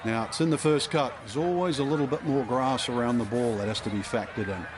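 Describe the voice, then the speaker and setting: A man's voice: medium pitch, brisk, lightly acted. A man commentating on golf as an analyst, explaining shots in a conversational way. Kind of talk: golf broadcast commentary in a video game. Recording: music and crowd noise behind. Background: music, crowd.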